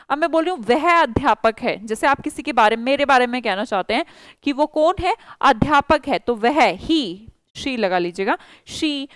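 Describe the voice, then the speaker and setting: High-pitched lady teacher running an english class, dry close sound, keeps pushing students to go fast. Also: a bit bright, no echo. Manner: coaxing, urges learners to answer fast.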